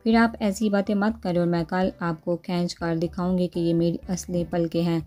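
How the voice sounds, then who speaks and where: A woman's voice: fairly low pitch, little pitch movement, moderate pace, faint music behind, natural voice. A woman reading as a shy young bride. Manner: soft, shy. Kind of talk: storybook dialogue reading.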